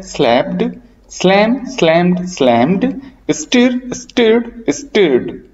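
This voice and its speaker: Man drilling verb forms in a lively sing-song. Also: on the high side. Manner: chants verb forms in repeated drills, calls students "beta". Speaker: English grammar teacher. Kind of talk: verb-form drill lesson. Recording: dull lo-fi sound, mic set back.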